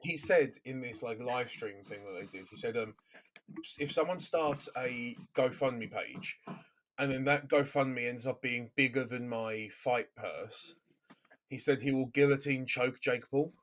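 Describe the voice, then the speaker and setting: Podcast co-host, male, middle pitch, relaxed explainer who swears casually. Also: a little slow, slight background noise. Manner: laid-back, explaining, many ums and swearing. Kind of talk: casual chat.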